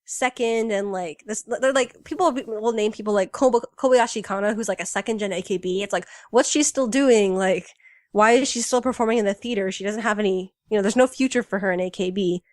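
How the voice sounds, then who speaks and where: A woman's voice: medium pitch, quick pace, dry recording. Chatty, enthusiastic young woman, dry mic. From United States. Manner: chatty and enthusiastic, many fillers. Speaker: podcast co-host. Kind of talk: casual fan podcast chat.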